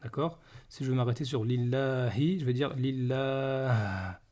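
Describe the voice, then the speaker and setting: A man teaching a beginners' reading lesson, patiently repeating each word slowly and checking understanding with frequent questions. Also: medium pitch, steady tone, warm tone, breathy edge.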